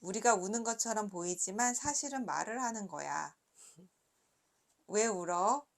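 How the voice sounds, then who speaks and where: A woman in her thirties, a picture book author, reading her book aloud gently and then chatting softly about it with light laughs. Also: mid-range voice, lively intonation, a little slow, gravelly.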